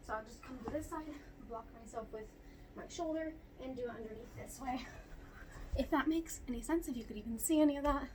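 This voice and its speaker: Casual home tutorial host: young woman, breathless, filler-heavy, a touch high-pitched, light background hiss. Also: brisk, darkish tone. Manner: chatty, lots of ums, talks to her dogs. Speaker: dog groomer demonstrating nail care. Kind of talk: casual how-to explanation. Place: at home with dogs.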